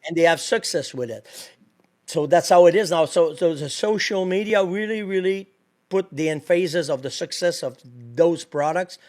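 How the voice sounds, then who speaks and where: A man with a French accent, a native French speaker, talking as a podcast guest in an animated way, laughing often and searching for English words. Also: fairly high pitch, normal speed. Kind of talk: casual interview.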